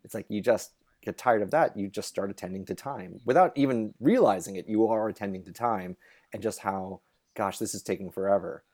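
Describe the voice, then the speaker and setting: A man with a lowish voice talks through his research as an interview guest. He is animated, restarting his sentences often and slipping into little acted-out quotes. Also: fairly quick. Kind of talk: conversational explanation.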